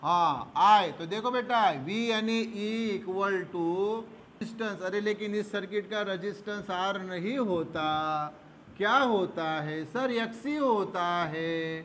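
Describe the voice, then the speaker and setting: A man's voice: high voice, takes it slowly, fairly bright tone. A male physics teacher, explaining a problem at the board. He talks patiently, calls his students fondly and answers his own questions. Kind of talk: board lesson. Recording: faint background noise.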